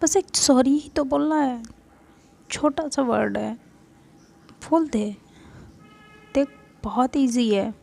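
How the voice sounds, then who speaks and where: A woman's voice: high-pitched, takes it slowly, vocal fry, long pauses, a little mellow, heavily acted. Woman voicing a scolding young best friend. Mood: coaxing. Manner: scolding, pushing her friend.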